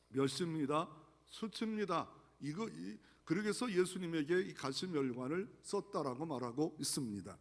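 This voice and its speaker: Man, pastor, earnest sermon, rhetorical questions, slightly high voice, long hall reverb. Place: large church sanctuary.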